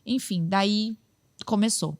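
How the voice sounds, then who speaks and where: A young Brazilian woman who hosts a podcast and preaches tells a story in casual conversation, speaking in a mid-range voice at an unhurried pace. Her Brazilian Portuguese accent comes through as she lively acts out what other people said.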